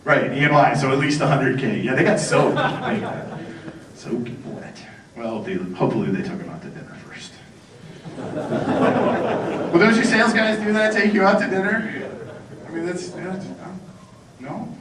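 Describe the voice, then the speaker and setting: A man's voice: a little high, expressive, a little slow, long pauses, a crowd in the background. Profane, mocking man in an echoey hall. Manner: mocking, swears freely, audience banter. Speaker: conference speaker. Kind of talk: profane, sarcastic security talk. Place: conference hall. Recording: echoey hall, distant mic, noisy.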